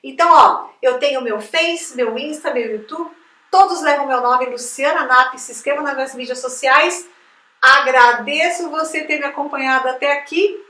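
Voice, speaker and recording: A high-voiced Brazilian woman teaches in a chatty, upbeat way, checking in with her viewers all the time. Her voice sits a little off the mic in an echoey room. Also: moderate pace, sharp tone, distant mic. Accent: Brazilian Portuguese. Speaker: English teacher. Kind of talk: casual video lesson.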